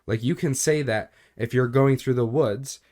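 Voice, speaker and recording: A young adult man co-hosting a podcast talks earnestly about faith, rambling casually with many fillers and an intermittent cough. His voice is mid-range and a little mellow, at normal speed.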